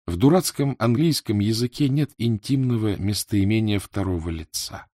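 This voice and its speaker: A man narrating a literary novel in a measured, expressive way. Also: fairly low pitch, no echo, studio quality. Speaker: audiobook narrator.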